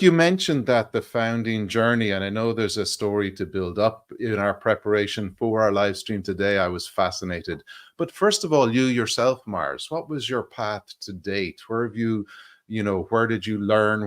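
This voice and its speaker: Chatty man hosting a livestream. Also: on the low side. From Ireland. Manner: chatty, enthusiastic, laughs easily. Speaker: livestream host. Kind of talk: casual interview chat.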